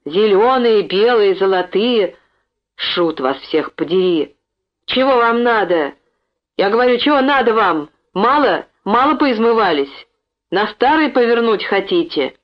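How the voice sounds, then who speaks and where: A woman voicing a grumpy, half-deaf old male fisherman who talks gruffly and suspiciously, in a dull lo-fi recording. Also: medium pitch, animated, a little slow, voice pushed up, close to an everyday voice.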